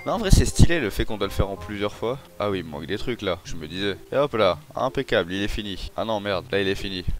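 A young man giving casual let's play commentary, excitable, swearing and yelling at enemies. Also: on the low side, quick pace, few pauses. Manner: excitable, swears, yells at enemies, addresses viewers as brothers. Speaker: gaming YouTuber.

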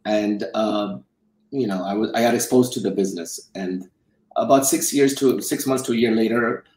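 A middle-aged man from Romania speaks over a webcam from a home office, his voice sitting low. The room is echoey around him. He rambles and circles back on his words while he thinks. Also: normal speed, a little mellow. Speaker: guest, film financier. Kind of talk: casual interview. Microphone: video call webcam.

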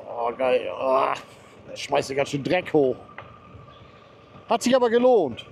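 Over a helmet mic on a mountain road, a man rides his motorcycle and chats eagerly to viewers and to himself. His mid-range voice has a sing-song lilt and some vocal fry, and he speaks slowly. Slight background noise can be heard.

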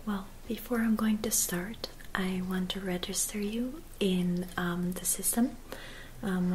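Young woman doing whispered role-play as spa lady, soft and gentle, really slow, bit of background noise. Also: on the low side, low-quality recording. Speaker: ASMR performer playing a spa clinic receptionist and therapist. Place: small dim room at home.

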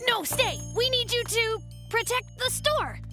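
An eager young cartoon boy with an extremely high voice. The delivery is excitable and awkward, with huge swings in pitch and loud music behind. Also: a little slow. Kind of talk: animated cartoon voice acting.

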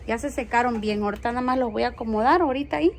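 A young woman chatting to her viewers about her home and garden in a warm, affectionate way, full of little diminutives. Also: fairly high pitch, racing, crowd noise. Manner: switches to doting tone talking to her child. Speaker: home decor vlogger. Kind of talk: casual vlog chat to viewers. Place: at home, yard and car outdoors.

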